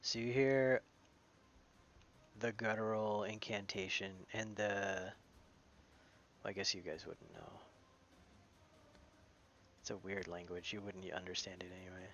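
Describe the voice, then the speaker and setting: A man's voice: low-pitched, steady tone, measured pace, pauses often, a bit bright, dull audio, slight background noise. A man narrating as game master in a tabletop game, casual, swearing now and then, restarting his phrases as he goes.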